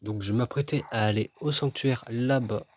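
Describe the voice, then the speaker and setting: In casual let's-play commentary, a male gaming host banters with himself and his audience while playing a video game, speaking at medium pitch and normal speed.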